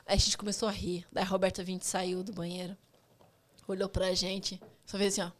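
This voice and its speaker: Animated Brazilian woman telling stories. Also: mid-range voice, a little fast. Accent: Brazilian Portuguese. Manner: animated, laughs often, acts out dialogue. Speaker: podcast guest, former tennis player. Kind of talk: casual storytelling chat.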